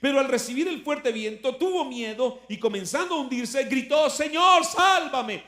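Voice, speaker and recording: A male pastor preaches in a notably high voice. He talks to the congregation conversationally, full of rhetorical questions, and swells with force when he quotes scripture. The recording sounds echoey, as in a roomy hall. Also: expressive, brisk. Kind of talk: sermon.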